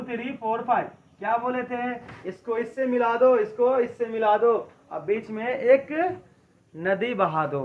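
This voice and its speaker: A man's voice: sits high, slight background noise. A man teaching a math lesson, repeating key phrases and often asking if listeners follow. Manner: repetitive, checks in with listeners often. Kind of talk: classroom-style video lesson. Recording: echoey room, dull lo-fi audio.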